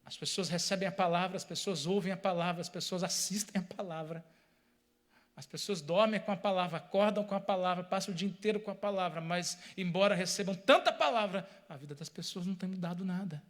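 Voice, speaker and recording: A man's voice: sits high, a little fast. A man preaching a sermon, speaking emphatically, repeating phrases and addressing the congregation directly.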